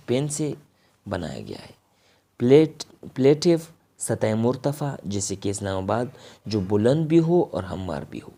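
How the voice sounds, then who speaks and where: Pakistani guy teaching vocab, warm low-key tone, stresses each word then explains it.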